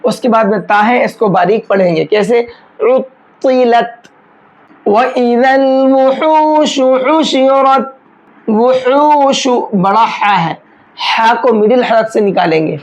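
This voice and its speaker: A woman teaching Quran tajweed step by step, patiently explaining letters and chanting verses slowly. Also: mid-range voice, low-quality recording. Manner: slow, patient explanations with drawn-out chanted recitation. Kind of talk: step-by-step recitation lesson.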